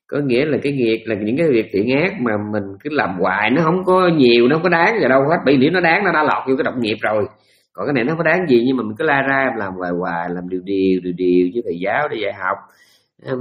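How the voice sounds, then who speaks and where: A man's voice: mid-range voice, dull audio. Male Buddhist teacher, conversational sermon, repeats himself often. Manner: folksy, repetitive, conversational. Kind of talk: dharma talk sermon.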